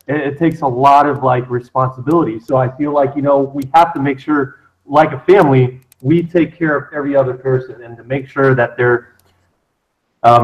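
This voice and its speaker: A man's voice: mid-range voice, poor audio. A man, a cast member, answering questions in a casual online Q&A, rambling with many fillers.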